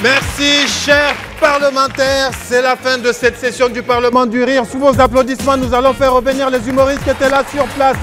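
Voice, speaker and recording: Man hosting a live comedy show, very high voice, music and crowd behind. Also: flat delivery, moderate pace, few pauses. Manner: announcing, hyping the audience. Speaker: show host. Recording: live stage with music and audience.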